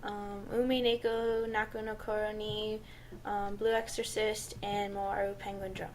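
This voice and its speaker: Young female co-host, upbeat and chatty, medium pitch, faint hiss. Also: flat delivery, unhurried, darkish tone. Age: young adult. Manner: chatty, upbeat, rambling with fillers. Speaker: podcast co-host. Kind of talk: casual chat.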